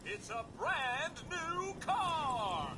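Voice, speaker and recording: A man's voice: very high voice, sing-song, drawn-out words, noisy background, heavily acted. A man voicing a robot supervisor who talks like a game show host, with a showy, exclamatory sales patter in video game dialogue. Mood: showy, gleeful.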